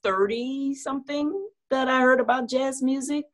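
A high-pitched voice with fairly even intonation and a moderate pace belongs to a middle-aged singer in a relaxed video-call interview. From a room at home with a clothing rack, she reflects candidly and laughs easily, recorded by her webcam.

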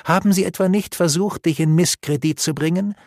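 A man's voice: high voice, brisk, darkish tone, no room sound, studio quality, pitched above the performer's own voice. A man voicing a cunning, scornful elf sorceress in an audiobook, speaking in a mocking, coaxing way. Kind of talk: audiobook reading.

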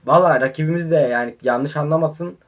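A husky-voiced man talks through his own football game in a casual, running commentary. His frustrated grumbling keeps boiling over into sharp, excited bursts. He sounds hot and worn, sweating as he plays. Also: a little high, quick pace. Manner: frustrated muttering with sudden excited outbursts. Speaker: mobile football gamer. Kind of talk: casual live gameplay commentary. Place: warm room indoors.

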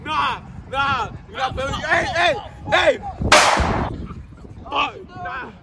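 A man's voice: very high voice, animated, takes it slowly, full character voice. A young man playing an aggressive, panicky street tough in an amateur action skit shot outdoors. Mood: threatening. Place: open sports field outdoors. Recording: very noisy outdoor phone video.

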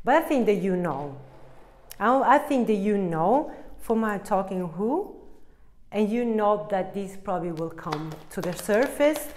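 A woman's voice: medium pitch, expressive, a little slow, darkish tone, a little hiss or hum. Woman, tarot reader, casual, rambling, searches for words, laughs at herself.

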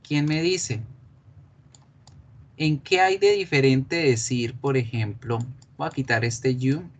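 Un hombre con acento colombiano que da una clase de inglés en línea y explica despacio, repitiendo los ejemplos. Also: male voice, mid-range voice. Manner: slow, explanatory, repeats examples. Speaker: English teacher. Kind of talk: online class.

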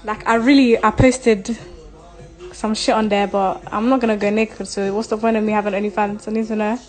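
Holding her phone close for a selfie-framed livestream, a young woman in her twenties reads viewers' questions aloud and answers bluntly, laughing and swearing freely. She speaks a little fast in a medium-pitched voice with little pitch movement, and the recording is low quality.

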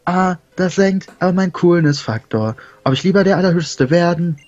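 A man's voice: sits high, normal speed, a little mellow, lo-fi sound. A man commentating casually on a video game and reading its dialogue aloud in a playful, jokey way. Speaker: let's player co-commentator. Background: game music.

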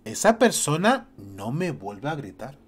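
Indignant man with lively pitch. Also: a little slow, breathy edge. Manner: indignant, repeats points and mocks others in quotes. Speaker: YouTube commentator. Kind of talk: opinion rant to camera.

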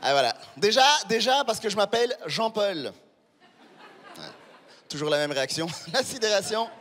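A Rwandan-born man in his thirties does stand-up on a large theatre stage with a handheld mic, teasing a live audience in a punchy, chatty way. His voice is high and a bit bright, with lively intonation at a normal pace, and the sound carries a big-room quality.

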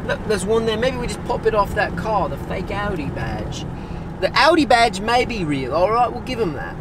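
A man's voice: high-pitched, very animated, moderate pace, noisy background. A man in his thirties, a travel vlogger, talking casually to a camera held at arm's length, joking and teasing as he goes. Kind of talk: casual vlog narration. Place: inside a car and outdoors in a city. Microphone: camera mic at arm's length.

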